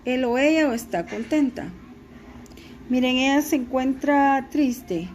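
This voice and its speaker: A woman teacher giving a recorded class lesson, speaking slowly and deliberately and spelling out pronunciation for her students. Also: sits high, darkish tone, slight background noise. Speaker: language teacher.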